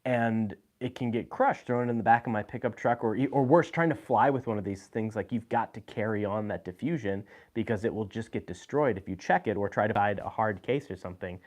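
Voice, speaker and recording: A man's voice: fairly low pitch, a little fast, few pauses, a little mellow. A man hosting a live video, talking casually about his gear, with frequent fillers and restarts. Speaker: host. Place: indoor room with lights.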